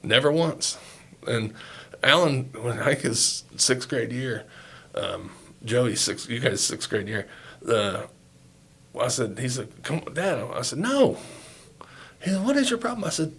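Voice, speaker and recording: A man's voice: medium pitch, animated, measured pace, a bit bright, husky. An older man from Southeast Ohio, a youth football coach, telling rambling, folksy stories in a casual chat and swearing freely.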